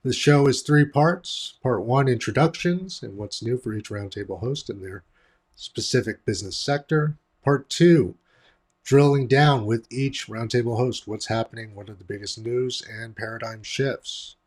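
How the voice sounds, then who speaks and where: Muffled, boxy audio makes this roundtable host sound like he's inside a closet as he reads his measured, scripted opening for a real estate discussion over video call. His voice sits in the mid range.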